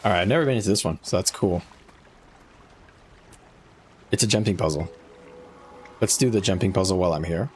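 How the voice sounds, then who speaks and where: Lowish-voiced man casually commentating on gameplay. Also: expressive, quick pace, darkish tone, faint music behind. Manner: informal, slangy, thinking aloud. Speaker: gaming streamer.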